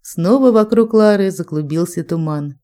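A woman reading an audiobook narration in an even storytelling manner. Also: lowish voice, normal speed. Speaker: audiobook reader.

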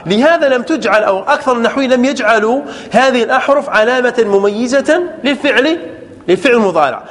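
A man's voice: very high-pitched, animated, quick pace, fairly bright tone, in a large hall. A man teaching a grammar lesson, repeating words, correcting himself and checking often that his listeners understand.

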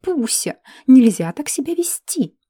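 A woman voicing a prim, indignant elf lady who talks in a shrill, huffy way. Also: very animated, a little slow, mellow, slightly rough, no echo, studio quality, full character voice.

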